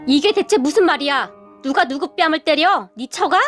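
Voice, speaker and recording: Woman voicing a stern older father-in-law, firm, clipped, high-pitched reading. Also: animated, normal speed, a bit bright, soft background music. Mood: shocked.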